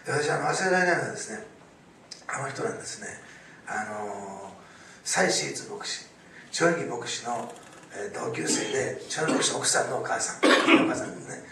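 Male pastor, sermon storyteller, fast delivery, whispers to loud bursts, distant mic, faint room ambience. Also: medium pitch, animated, gravelly, heavy reverb, background noise. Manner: storytelling, swings from hushed whispers to loud exclaiming.

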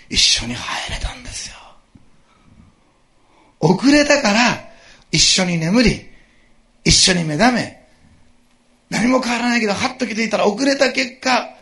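Middle-aged male pastor, gravelly and fairly high, lively sermon delivery that swings up and down, asks the congregation questions. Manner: animated, chuckling preacher who asks the congregation questions.

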